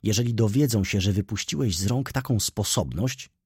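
A male reader voicing a fussy old head clerk who speaks in a dry, hesitant way. The voice is low and a little husky, with a lively rise and fall, recorded close and dry. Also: moderate pace, dry recording.

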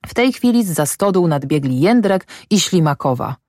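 Low-voiced woman narrating. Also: expressive, normal speed, darkish tone, no room sound, clean studio sound. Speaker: audiobook narrator. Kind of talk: scripted literary narration.

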